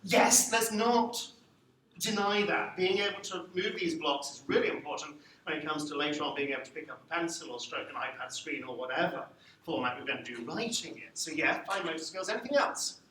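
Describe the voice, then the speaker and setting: A man giving a live lecture to a room of teachers, lively and wry, putting questions to the audience. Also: fairly high pitch, a little fast. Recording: echoey room, faint background noise.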